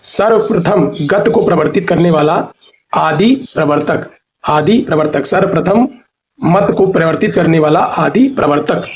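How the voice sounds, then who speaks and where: A high-pitched man runs an exam preparation lesson, reading out lists of words and definitions. He repeats each answer and walks through the spelling of tricky words. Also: moderate pace, slight background noise. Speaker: Hindi teacher.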